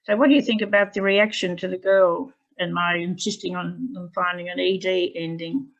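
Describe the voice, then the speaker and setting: Chatty gravelly-voiced woman teacher. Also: on the low side, steady tone, moderate pace. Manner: chatty, rambling, with fillers and restarts. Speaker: English language teacher presenting. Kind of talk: anecdotal presentation to teachers. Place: home. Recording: dull lo-fi video call audio.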